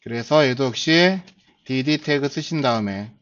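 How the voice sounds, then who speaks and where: A man in his forties teaching a class, patiently explaining step by step and starting phrases with a drawn-out filler. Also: mid-range voice, expressive, a bit bright. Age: 40s. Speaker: instructor. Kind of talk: classroom lecture. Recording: dull lo-fi lecture recording.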